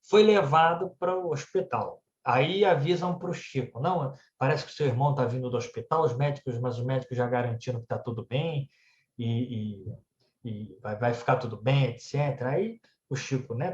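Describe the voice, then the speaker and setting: A man with medium pitch and normal speed delivers a religious talk at a spiritist centre as a series of conversational anecdotes. His Brazilian Portuguese accent comes through, and he keeps adding little "né" check-ins. The audio is muffled and dull, recorded in an echoey room.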